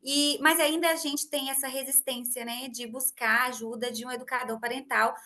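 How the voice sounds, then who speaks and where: A woman in her thirties hosting a casual podcast conversation, telling an animated story and acting out family dialogue. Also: sits high, moderate pace. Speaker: host.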